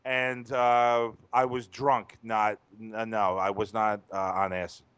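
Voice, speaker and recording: A man's voice: on the low side, little pitch movement, takes it slowly, a bit bright, clean tone, no echo. A man co-hosting a casual podcast, rambling, profane and self-mocking. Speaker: podcast co-host.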